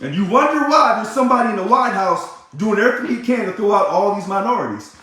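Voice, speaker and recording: High-voiced man ranting in a very echoey room. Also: lively intonation, quick pace. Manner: combative, sarcastic, repetitive, bursts into shouting. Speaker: ousted union leader. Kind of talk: ranting monologue.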